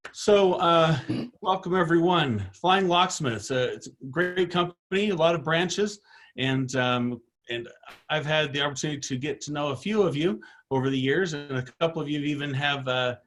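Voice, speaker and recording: A middle-aged man leads an online product training in a slightly hoarse voice that's a little high with a fairly bright tone. His delivery is informal and rambling, full of fillers and restarts.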